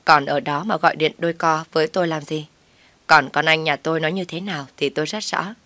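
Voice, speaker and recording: A woman's voice: low-pitched, fairly even intonation, a little fast, sharp tone, no echo. Woman doing a blunt older mother. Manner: blunt and frank.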